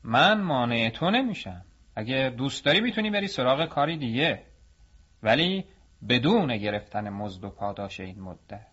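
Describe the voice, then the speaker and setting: A man's voice: medium pitch, sing-song, a bit bright, husky, dull audio. A man voicing a greedy, cunning master potter who speaks coolly and mockingly, in a storybook reading. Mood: scornful. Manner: cool and mocking.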